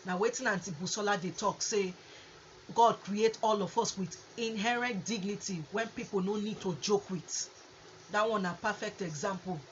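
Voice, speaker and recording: A woman with a Nigerian accent hosting a conversational advice talk in Nigerian Pidgin, with an animated way of explaining things. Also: mid-range voice, normal speed. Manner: animated, acts out example exchanges. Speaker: host. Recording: muffled lo-fi audio with faint noise.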